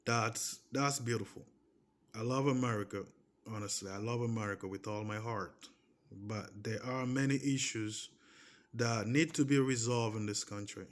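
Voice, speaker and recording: This thirties-aged vlogger speaks English with a Portuguese accent, his native tongue being Portuguese, in a casual personal monologue. His voice runs on the low side at a normal speed, and he presses his points emphatically, restarting phrases and checking in with "okay?"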